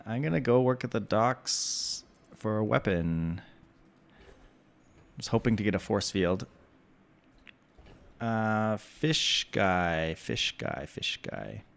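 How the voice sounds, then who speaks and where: A man talking through his video game turns in a relaxed, casual way, thinking out loud with frequent ums. His voice sits low with a creaky, gravelly edge, and he speaks slowly. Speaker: gameplay commentator. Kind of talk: casual gaming commentary.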